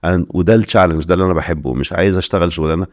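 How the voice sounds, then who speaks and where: Very deep, fast-talking Egyptian man. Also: no echo. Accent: Egyptian Arabic. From Alexandria, Egypt. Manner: rapid talk mixing in English phrases. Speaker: investor guest. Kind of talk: casual podcast interview.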